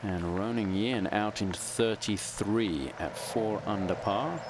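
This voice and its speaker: A man's voice: lowish voice, animated, takes it slowly. A man commentating live on a golf tournament as a broadcast announcer. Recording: very noisy outdoor sports broadcast. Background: loud outdoor ambience.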